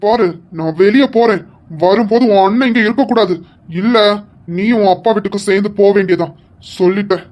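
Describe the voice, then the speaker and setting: A woman voicing an angry young husband who shouts orders at his wife in a home-made audio drama. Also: mid-range voice, a little fast, close to an everyday voice. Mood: stern. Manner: shouting, commanding.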